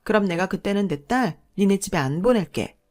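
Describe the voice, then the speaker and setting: A woman playing a loud bossy sister-in-law, greedy and scolding, storybook style. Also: medium pitch, big pitch swings, moderate pace. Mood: angry.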